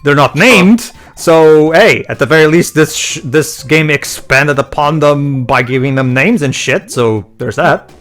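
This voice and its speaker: A man hosting casual video game commentary, halting and often repeating words as he explains. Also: on the high side, a bit bright.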